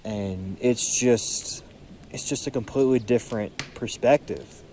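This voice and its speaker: A tired young man musing aloud in a solo vlog, seated outdoors by a creek, filling his pauses with "you know". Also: mid-range voice, mellow, a little hiss or hum. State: tired, yawning. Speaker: podcast vlogger. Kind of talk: reflective solo monologue. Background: faint creek water and birdsong.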